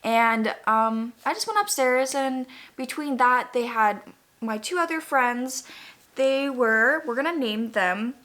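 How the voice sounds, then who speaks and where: Young woman, casual ghost-story teller; slightly high, forward bright tone; rambling, chatty delivery. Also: takes it slowly.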